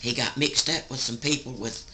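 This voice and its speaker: An elderly woman with a Southern US accent, a sweet old lady telling family stories in a folksy, rambling, gravelly way. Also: very deep voice, steady tone, normal speed, bright, forceful tone, a little hiss or hum, poor audio. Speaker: grandmother recounting family stories. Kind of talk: casual oral storytelling.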